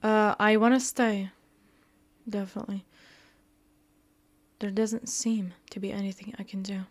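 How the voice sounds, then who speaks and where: A woman runs a visual novel walkthrough over background music, reading bits aloud and tossing in sassy jokes. She speaks unhurriedly at a medium pitch, with little movement in her voice.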